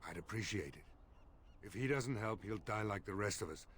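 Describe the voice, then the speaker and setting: Over slight background noise, an actor voices a worried, blunt middle-aged village mayor in a fantasy game, pleading in a weary, urgent way. His voice is lowish, fairly bright and expressive, and he speaks fairly quickly.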